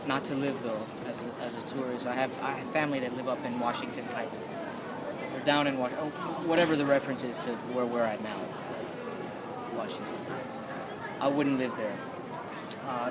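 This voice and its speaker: A man being interviewed casually outdoors, speaking in a hesitant, halting way with repeated words. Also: mid-range voice, steady tone, over a noisy crowd. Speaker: interviewee, resident of Japan. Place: outdoors on a city street. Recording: noisy outdoor urban street with traffic.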